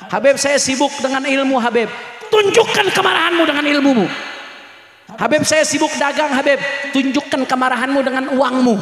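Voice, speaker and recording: A man with an Indonesian accent giving a fiery sermon at an outdoor religious gathering, shouting and repeating calls to the crowd. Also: very high voice. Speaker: preacher. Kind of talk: fiery open-air sermon. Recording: echoey live sound system, long reverb.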